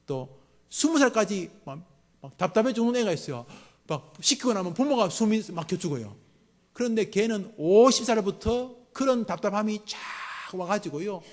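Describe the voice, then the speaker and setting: A middle-aged man, a pastor giving a sermon to a mothers' prayer meeting, joking and acting out scolding parents. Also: high voice. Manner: lively, jokes with the congregation and acts out parents' scolding.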